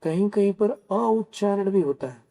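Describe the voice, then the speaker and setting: A man giving a scripture sermon as a monk, teaching slowly, asking his listeners questions and carefully spelling out how words are pronounced. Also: sits high, dark tone. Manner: slow, teaching, poses questions to listeners and answers them. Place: Kolhapur.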